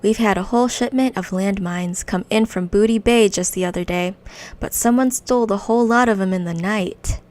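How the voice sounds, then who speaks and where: A woman's voice: medium pitch, normal speed, darkish tone, natural voice. Sly, wheedling goblin fixer handing out favors, a woman reading him aloud. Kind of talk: reading quest text aloud in character.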